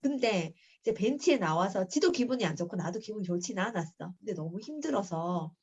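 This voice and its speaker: A woman's voice: mid-range voice, animated, fairly quick, darkish tone, slightly rough, dull audio. A middle-aged woman tells a personal story in a book club, acting out quoted lines with a raised voice. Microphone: video call.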